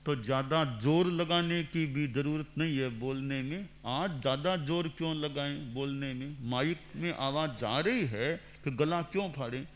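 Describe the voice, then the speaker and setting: A man in his sixties, a monk giving a measured, didactic sermon into a microphone and repeating phrases for emphasis. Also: a little high. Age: 60s. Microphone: speaking into a microphone.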